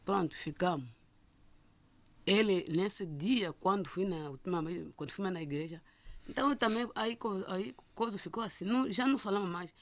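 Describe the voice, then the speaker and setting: A middle-aged woman gives a personal testimony as a listener, halting and often restarting and repeating words. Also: mid-range voice. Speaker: listener telling her story.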